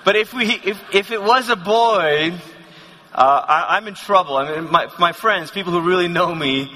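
A Malaysian man in his thirties, speaking at a conference, tells personal stories in a sermon-like way, chatty and self-deprecating, restarting often. His voice is high, pushed and bright at a moderate pace, with long hall reverb on the recording.

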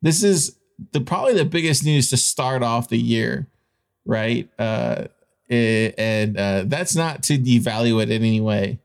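A man's voice: medium pitch, animated, a little slow, gravelly. Emphatic man giving informal news commentary. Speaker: host of a crypto news show.

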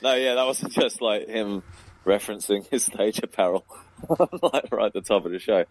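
A man's voice: fairly low pitch, moderate pace, rough recording. A man, a comedy club promoter and compere, chatting as a guest on radio in a rambling way, laughing often and filling with ums. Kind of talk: casual radio chat. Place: radio studio.

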